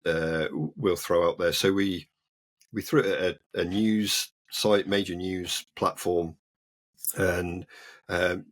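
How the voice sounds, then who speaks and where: A man with a very deep voice, talking as an interview guest. He explains his work in a relaxed, conversational way. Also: slow pace. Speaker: guest, cyber security researcher. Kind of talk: casual interview.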